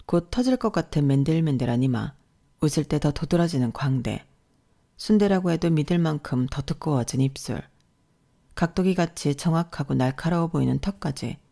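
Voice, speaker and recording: A woman narrating a first-person story in a calm, even way. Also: deep voice, gravelly.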